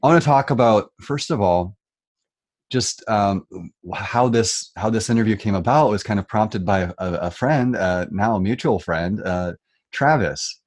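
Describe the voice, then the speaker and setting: A man hosting a casual interview, introducing the next topic in a relaxed way. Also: on the low side, measured pace. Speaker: interview host.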